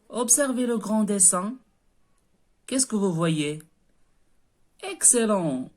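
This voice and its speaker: A woman's voice: medium pitch, a little mellow. A woman teacher giving a children's reading lesson, patient, spelling out letters and praising often. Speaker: primary school teacher.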